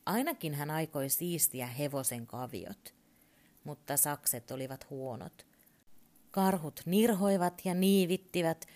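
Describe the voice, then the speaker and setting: A woman with a low voice reads a children's story aloud. She reads at a calm, steady pace and with plenty of expression.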